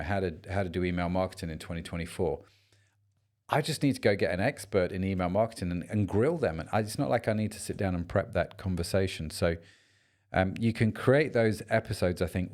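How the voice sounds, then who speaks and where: A man's voice: sits low, fast talker, darkish tone. A man co-hosting a business podcast, talking in a chatty, rambling way and joking around. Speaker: podcast co-host. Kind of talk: casual podcast chat.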